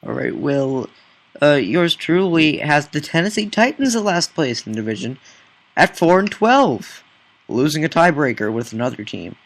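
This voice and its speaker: A man's voice: a little high, normal speed. A young man hosting a casual sports podcast, running through team predictions with puns and teasing. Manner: punning, lively, teasing. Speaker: podcast host.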